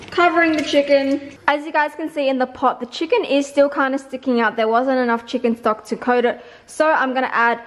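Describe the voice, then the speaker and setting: Chatty upbeat woman vlogging at home. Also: high voice. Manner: chatty, upbeat, many fillers. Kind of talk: casual vlog and home cooking talk. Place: home kitchen, indoors. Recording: echoey room with faint noise.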